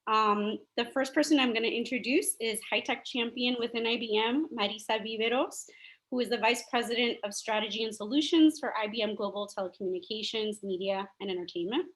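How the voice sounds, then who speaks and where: A woman's voice: on the high side, a little fast, a bit bright. A woman host introducing speakers at an online session in an enthusiastic, upbeat way. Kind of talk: event introduction.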